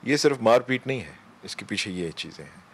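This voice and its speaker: Male police officer, talk show guest, lowish husky voice, halting. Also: lively intonation, a bit bright. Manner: measured, halting with pauses.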